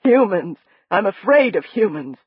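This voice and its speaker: A woman's voice: medium pitch, big pitch swings, measured pace, husky, dry recording, narrow, tinny audio. A woman voicing a terrified woman who can't remember her name. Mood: panicked. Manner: panicked, pleading, sobbing. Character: terrified amnesiac woman, young adult.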